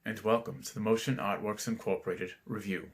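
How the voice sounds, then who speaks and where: A male host with a slightly low voice speaks like a 1950s narrator. He puts on a transatlantic accent and an old-fashioned announcer delivery to present a film review. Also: fairly even intonation, fairly quick, husky. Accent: transatlantic, put on. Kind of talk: old-time 1950s narrator style introduction.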